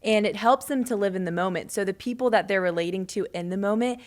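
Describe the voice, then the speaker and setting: A woman co-hosts a casual ministry podcast, explaining things in a conversational way. Her voice is mid-range and she talks fast.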